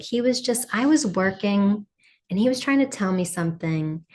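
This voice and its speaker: A woman's voice: medium pitch, a little mellow. A woman talking casually and confessionally, telling a personal story in a chatty way and often quoting her own thoughts. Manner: chatty, frequent "like", quotes own thoughts and affirmations.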